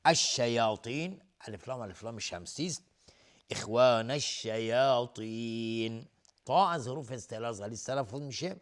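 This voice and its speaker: A man teaching a recitation lesson, who recites verse phrases slowly and explains the rules between them in quick, quieter speech. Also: medium pitch, expressive. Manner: clears throat now and then. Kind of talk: tajweed lesson, alternating slow chanted recitation with quick spoken explanation.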